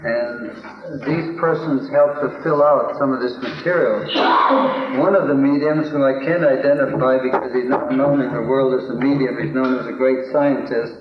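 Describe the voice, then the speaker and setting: A man's voice: medium pitch, fairly even intonation, moderate pace, crowd noise. Wry male lecturer on a roomy, dull tape. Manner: wry storyteller, chuckles at his own stories. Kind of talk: anecdotal lecture to an audience.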